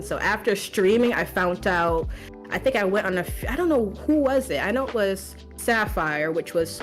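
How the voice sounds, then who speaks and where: A woman guest chatting casually in an interview about her streaming start, often laughing and restarting her sentences. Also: lowish voice. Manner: chatty, giggly, trails off and restarts. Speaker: guest VTuber.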